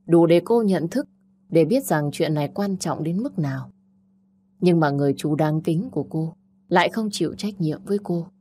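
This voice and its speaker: Low husky woman narrating a story. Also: mellow. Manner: measured, emotive storytelling.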